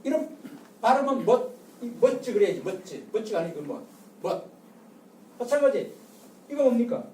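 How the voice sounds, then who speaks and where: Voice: medium pitch, very animated, a little fast, long pauses, warm tone, a little hiss or hum. An older lecturer giving a public talk, drilling the audience with call-and-response and repeated rhetorical questions. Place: lecture room. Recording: echoey lecture room from far off.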